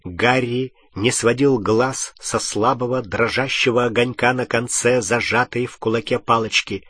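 Husky male audiobook narrator. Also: mid-range voice, fairly even intonation, moderate pace, fairly bright tone, no echo, clean studio sound.

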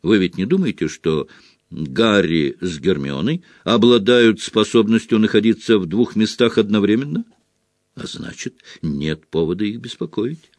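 A man voicing a serene, wise old male headmaster who speaks calmly and mildly. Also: on the low side, normal speed, no room sound, clean studio sound, close to an everyday voice. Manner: calm, mild.

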